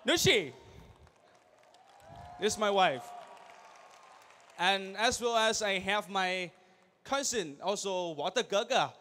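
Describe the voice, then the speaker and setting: A young man from Thailand, giving an energetic motivational speech at a large convention and firing questions at the crowd. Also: high voice, slow, pauses often. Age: young adult. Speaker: convention speaker.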